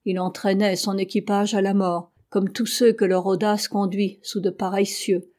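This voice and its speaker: Woman doing an old sailor, grave and earnest, warm low-key voice, audiobook reading. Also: level tone, moderate pace, close to an everyday voice. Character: old male sailor, loyal, gruff and grieving.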